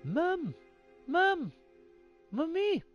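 A woman's voice: very high voice, sing-song, drawn-out words, highs cut off, soft background music, pitched above the performer's own voice, exaggerated voice. A woman doing an impression of a scheming cartoon baby, with a pompous, plummy manner. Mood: whiny shouting. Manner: plummy, pompous villain talk.

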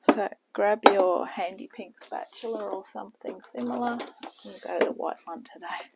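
With a creaky, mid-range voice at normal speed, a middle-aged woman who runs a home cooking channel chats casually as she cooks, frequently drifting into muttering. The tutorial is recorded by a camera on the counter in her noisy kitchen.

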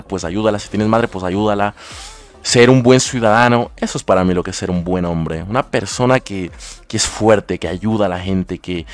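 A young man with an Ecuadorian Spanish accent talks through a live game stream. His voice sits a bit low, and he chats in a loose, slangy way, reacting to the game and answering viewers as he goes. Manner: casual slangy chatter, reading and answering chat. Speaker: gaming streamer. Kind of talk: live gameplay commentary.

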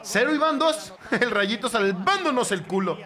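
A young Mexican man reacting to a football match as it plays, cursing freely and yelling at the screen. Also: extremely high pitch, normal speed. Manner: profane, excitable, shouts at the screen. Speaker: football fan reaction host.

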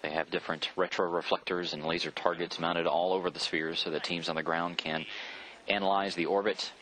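Male mission commentator, low and bright, matter-of-fact live spaceflight narration, faint noise behind. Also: level tone, low-quality recording. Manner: measured, informative, matter-of-fact. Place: mission control room. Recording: faint background noise on broadcast feed.

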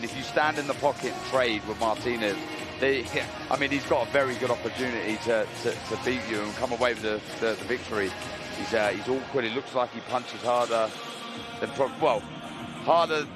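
A man's voice: medium pitch, a little fast, over music. A man giving conversational expert boxing analysis, repeating phrases for emphasis. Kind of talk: live expert sports commentary.

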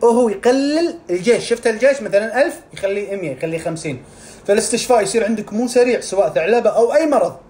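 A man's voice: high-pitched, lively intonation, rapid-fire, darkish tone. A man explaining health topics casually. He talks animatedly and acts out scenes with sound effects. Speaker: integrative medicine specialist.

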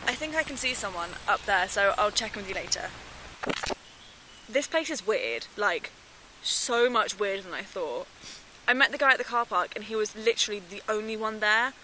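A woman's voice: mid-range voice, expressive, normal speed, noisy background, lightly acted. A woman in her twenties acting an anxious, determined sister confiding in a found-footage video diary. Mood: uneasy, confiding. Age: 20s. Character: worried determined young woman searching for missing sister. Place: small room, then outdoors in bare woodland. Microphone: handheld camera at arm's length.

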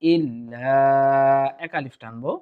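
Heard through phone-quality sound, a Bengali-speaking man with a clear, resonant mid-range voice leads a slow tajweed lesson. He spells out words syllable by syllable before reciting the Quranic verses in a long, drawn-out chant.

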